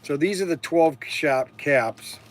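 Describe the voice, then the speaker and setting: A man in his sixties hosts a livestream selling hobby toys and model cars, chatting casually in a voice a little high for a man. He speaks slowly and rambles haltingly, circling back over phrases and stumbling on words.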